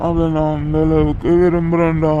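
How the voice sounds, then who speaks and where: A man's voice: fairly high pitch, monotone, normal speed, mellow, highs cut off, slight background noise, lightly acted. Giggly drunk lovesick young man, a man voicing him. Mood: maudlin. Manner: slurred, rambling, giggling drunk talk. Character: drunk lovesick young businessman, rambling and maudlin. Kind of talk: cartoon voice acting.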